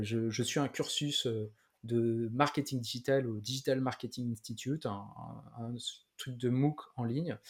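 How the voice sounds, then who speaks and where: A man co-hosting a podcast in casual chat, talking with many fillers and restarts. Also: medium pitch. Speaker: podcast co-host.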